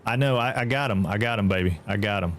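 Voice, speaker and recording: A man's voice: fast talker, a little hiss or hum. A man from Georgia with a Southern accent, chatting casually while live-streaming a game and answering chat. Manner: chatty, drawling, reads chat aloud, jumps high when excited.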